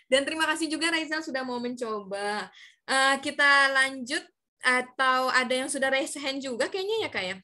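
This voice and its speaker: A woman's voice: sits high, lively intonation, moderate pace, sharp tone. A woman who works as a voice actor, cheerfully teaching an online class for children over a video call.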